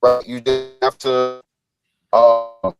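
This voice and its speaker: Guy on a stream call that keeps breaking up, glitchy audio, rambly and full of ums, mid pitch. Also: monotone, slow pace, dull audio, over loud music. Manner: rambling, full of fillers and restarts. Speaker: livestream co-host. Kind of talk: casual chat.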